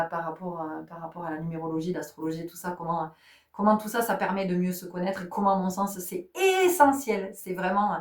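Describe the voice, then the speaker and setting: A chatty woman vlogging in a relaxed, storytelling way. She often stops to restart her sentences. Her voice sounds distant and carries a roomy echo. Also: fairly low pitch. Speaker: spiritual guide and vlogger. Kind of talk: casual chat.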